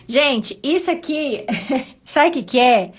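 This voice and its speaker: A woman teaching a live painting class, patient and encouraging, walking her students through each step. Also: high-pitched.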